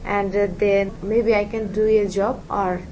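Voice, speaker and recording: A woman, an English student introducing herself in class with many pauses and fillers. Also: mid-range voice, level tone, a little mellow, a little hiss or hum, rough recording. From Bangladesh. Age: 20s.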